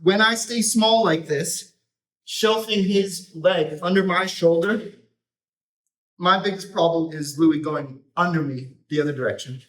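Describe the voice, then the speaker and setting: High-voiced male coach in echoey room. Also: unhurried, fairly bright tone. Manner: informal, choppy phrases with repeated tag "right?". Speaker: jiu-jitsu coach. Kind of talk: hands-on technique demonstration, casual explaining. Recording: roomy echo, distant microphone.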